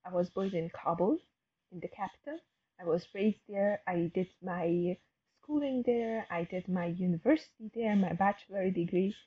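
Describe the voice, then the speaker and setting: A woman's voice: on the low side, normal speed, breathy edge, highs cut off. A woman, a guest telling her story hesitantly, with many fillers and restarts. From Afghanistan. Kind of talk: casual interview talk.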